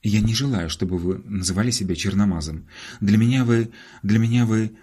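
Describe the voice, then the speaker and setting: A man's voice: lowish voice, a little fast, warm tone, husky. A man doing a prim, reproving mother. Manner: firm, shocked, reproving. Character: prim, proper middle-aged mother.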